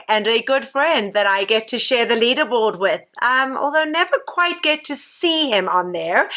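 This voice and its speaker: A woman's voice: fairly high pitch, pushed and bright. A woman hosting a podcast, chatting enthusiastically with a guest and using lots of "um"s. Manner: enthusiastic, many fillers. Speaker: podcast host. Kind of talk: casual interview chat.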